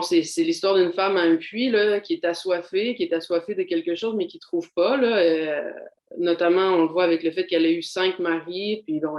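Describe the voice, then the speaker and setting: A young adult doctoral student with a Québécois French accent shares a candid, reflective faith testimony during a video seminar. She often pauses and uses fillers while searching for words, her lowish, slightly mellow voice sounding roomy.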